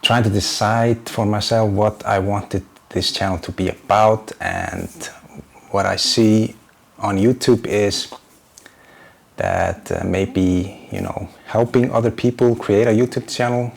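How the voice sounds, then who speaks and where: Gravelly and a little mellow, his voice runs on the low side with a steady tone and slow pace. He's a man in his forties, a YouTuber and graphic designer with an Icelandic accent, chatting in English as a second language in an unscripted vlog. Hesitation, word-searching, and plenty of fillers mark his speech.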